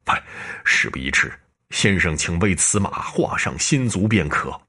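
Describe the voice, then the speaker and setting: A man voicing a ghost general from the underworld, cold and commanding, deep and slow. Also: animated, sharp tone, slightly rough, exaggerated voice.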